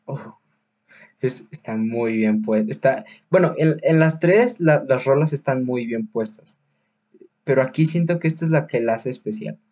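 A man's voice: mid-range voice, expressive, measured pace, darkish tone, dull audio. A man with a Mexican Spanish accent hosting a podcast, reviewing films in casual chat, rambling with many fillers, restarts and slang. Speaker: podcast host.

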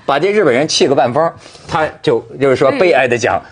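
A man hosting a panel talk show, telling anecdotes in a lively way and acting out the lines he quotes. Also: mid-range voice, a little fast, slight background noise. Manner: animated storyteller, acts out quoted lines.

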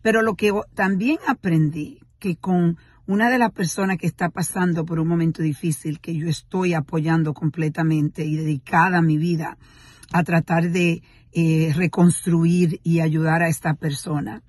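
A middle-aged woman sharing a personal reflection in an earnest, unhurried monologue with pauses and restarts. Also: lowish voice, steady tone, a little mellow, no echo. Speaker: speaker sharing a daily reflection.

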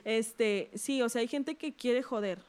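A woman, a guest expert on a podcast, who gives her view in a calm, matter-of-fact way with casual slang. Her voice is somewhat high. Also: measured pace, clean tone. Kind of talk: casual conversation.

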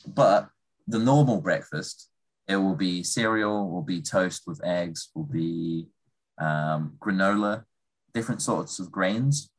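A young man from England with a very low voice talks in a relaxed, rambling way. His tone has a husky edge, and he pads his answers with easy fillers. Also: slow, low-quality recording. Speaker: conversation partner. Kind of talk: casual chat.

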